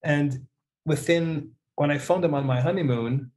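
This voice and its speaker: Speaking unhurriedly in a fairly high voice, this middle-aged Canadian guest, who produces and mixes music, shares anecdotes over a video call from indoors. He's an animated storyteller who performs snippets of dialogue as he goes.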